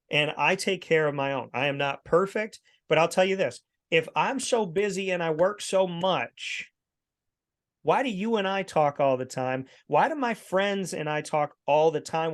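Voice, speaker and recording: Guy in his 30s on a podcast, kinda high voice, preachy and emphatic. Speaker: podcast co-host. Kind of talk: casual chat.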